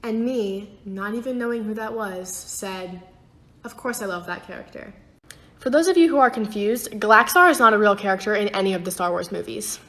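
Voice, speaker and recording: A woman's voice: medium pitch, lively intonation, fairly quick, few pauses, fairly bright tone. A young adult woman telling a casual storytime vlog, chatty and giggly, often breaking into laughter. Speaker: TikTok storyteller.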